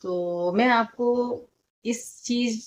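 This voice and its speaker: A woman's voice: fairly high pitch, drawn-out words, slight background noise, poor audio. A woman, a mother, talking casually to her viewers from her home and calling them friends. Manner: chatty, keeps addressing viewers as friends. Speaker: vlogger, mother.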